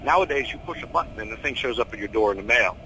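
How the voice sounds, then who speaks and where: Bright, opinionated middle-aged American man. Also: medium pitch, rapid-fire, a little hiss or hum, rough recording. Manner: animated, opinionated, slangy. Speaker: horror host being interviewed. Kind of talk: casual interview chat.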